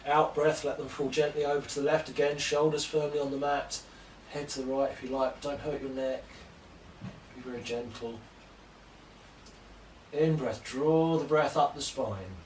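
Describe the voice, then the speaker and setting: Gentle male yoga teacher in a roomy space. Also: mid-range voice, slight background noise. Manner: slow, gentle, calm cueing of breath and poses. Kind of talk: guided yoga class instruction. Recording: roomy echo, distant mic, faint ambience.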